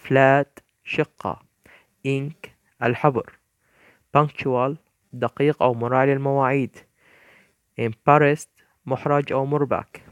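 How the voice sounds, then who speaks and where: A man reads through a vocabulary list at a measured pace, giving each English word and then its meaning, and now and then tripping over a word and restarting. His voice sits in a middle register and is recorded dry and close, with no room sound. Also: medium pitch, steady tone, dry recording. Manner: measured, with small stumbles and self-corrections. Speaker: English teacher. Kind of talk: bilingual vocabulary lesson, reading word lists.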